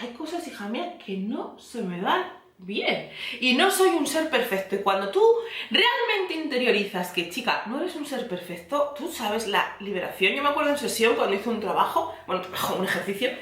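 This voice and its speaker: A woman's voice: on the high side, sharp tone. A woman podcast host giving a candid, confiding motivational talk. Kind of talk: motivational self-help talk. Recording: echoey room.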